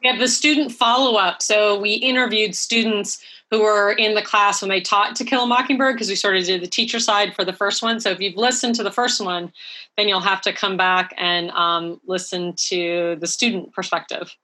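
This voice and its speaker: A woman's voice: medium pitch, fairly even intonation, moderate pace, pushed and bright. A woman co-hosting a podcast, presenting conversationally to teachers in a live webinar, with frequent "um" and "right?" tags. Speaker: podcast co-host presenting to educators.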